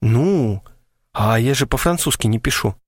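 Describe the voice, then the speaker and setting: A man's voice: medium pitch, animated, unhurried, no echo, studio quality. A man voicing an anxious, dim-witted young male writer who protests in a whiny, panicky way. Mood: flustered.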